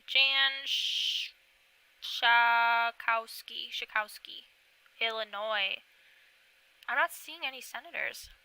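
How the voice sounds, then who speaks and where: Young female streamer, unhurried, bright crisp voice, chatty, thinks aloud. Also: a little high, dry recording, low-quality recording. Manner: chatty, thinks aloud, reads a list of names and checks her pronunciation. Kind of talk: casual live-stream commentary. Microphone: desk microphone.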